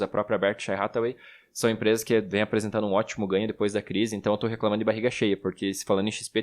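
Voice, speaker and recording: Fast-talking Brazilian man in his thirties. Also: medium pitch. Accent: Brazilian Portuguese. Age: 30s. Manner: reflective, self-critical, many fillers. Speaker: podcast co-host. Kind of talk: casual investing podcast chat.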